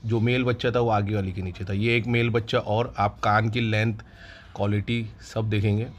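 Low-voiced man on a relaxed farm tour. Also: slight background noise. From India. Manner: relaxed, unhurried, with frequent hesitations. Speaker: goat farm owner showing stock. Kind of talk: casual promotional farm tour. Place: outdoor goat farm yard at night.

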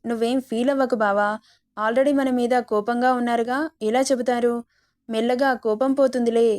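Brief: bright coaxing young wife, storybook romance; woman narrator plays her, slightly high voice. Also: fairly even intonation, moderate pace, dry recording, clean studio sound, lightly acted. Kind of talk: storybook dialogue reading.

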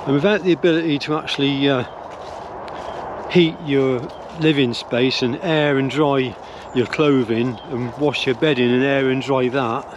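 An older Englishman records a rambling opinion vlog on a dog walk through the woods, speaking at a measured pace in a mid-range voice with fairly even intonation. He muses hesitantly, restarting often and using many fillers. The close, arm's-length phone or camera gives lo-fi sound with a noisy background.

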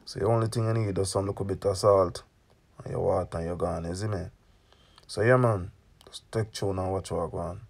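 Jamaican man, young adult, fairly low voice, casual cooking talk, home kitchen, phone camera. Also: steady tone, fairly quick, darkish tone, husky. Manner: chatty, keeps asking "you get me?". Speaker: cooking channel host.

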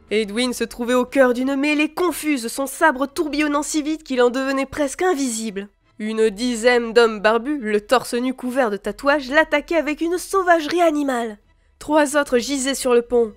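A woman narrating a fantasy novel aloud with an expressive, storybook delivery. Her voice sits fairly high, and soft background music plays beneath it. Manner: expressive reading. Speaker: audiobook reader.

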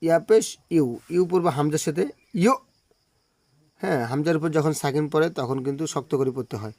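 A man teaching Quran reading, spelling out each syllable and then chanting the joined words in long, drawn-out tones. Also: on the high side, mellow, dry recording.

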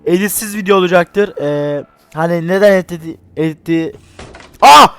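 Jumpy, high-voiced young man yelping at a horror game. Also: brisk, clean tone. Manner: jumpy, swears and yelps when scared, joking. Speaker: gaming channel host. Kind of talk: unedited horror gameplay commentary. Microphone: desk mic, separate from game audio.

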